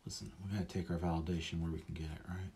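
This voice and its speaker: A man's voice: deep voice, flat delivery, very fast, gravelly, dark tone, a little hiss or hum. A man talking casually and rambling as he inks a drawing, often mocking himself. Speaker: illustrator. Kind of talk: casual talk while drawing.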